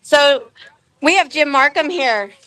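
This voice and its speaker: High, bright-voiced woman commentator. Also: slow pace, no echo. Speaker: event commentator and host. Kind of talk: live event commentary. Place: outdoor off-road race event.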